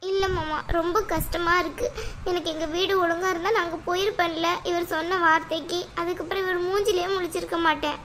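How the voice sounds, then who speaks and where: A woman voicing an upset, sharp-tongued young wife in a cartoon. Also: very high-pitched, fairly even intonation, a little fast, a little hiss or hum. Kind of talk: cartoon voice acting.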